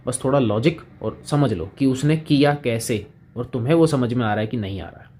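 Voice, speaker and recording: A man's voice: mid-range voice, brisk, darkish tone, husky. A man teaching chemistry in a casual lecture, chatting with students and playing both sides of the conversation.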